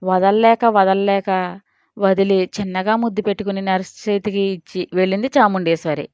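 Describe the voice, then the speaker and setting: A woman narrating a dramatic audio story in an expressive storytelling style. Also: mid-range voice, moderate pace, clean tone, dry recording. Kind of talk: scripted narration. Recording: dull lo-fi audio.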